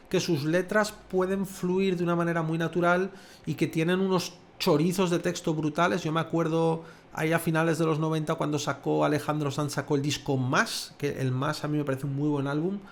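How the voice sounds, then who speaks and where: Chatty Spanish man teaching songwriting. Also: fairly high pitch. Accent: Spanish, from Valencia. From Spain. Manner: chatty, demonstrative, sings and speaks lyrics slowly in rhythm. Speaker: music theory teacher. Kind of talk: casual video lesson.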